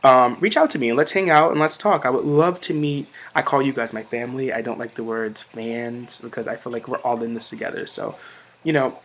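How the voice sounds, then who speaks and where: A man's voice: mid-range voice, brisk, fairly bright tone. A young man from the United States talking straight to camera in a casual vlog, chatty and self-joking, with lots of "um"s and "you know"s. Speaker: vlogger.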